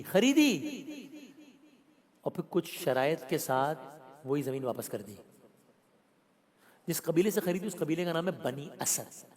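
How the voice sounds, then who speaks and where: A middle-aged man telling a religious story with dramatic emotion, asking and answering his own questions, rising loud and then dropping to near whispers. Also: medium pitch. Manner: drops to a whisper at moving moments. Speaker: host narrating a religious story.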